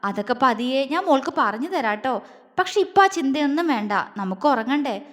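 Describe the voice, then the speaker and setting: Woman doing a sweet playful boyfriend in an audio story, coaxing and soft, highish voice, echoey tail. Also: expressive, a little fast. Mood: tender. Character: teasing affectionate young man, tender lover.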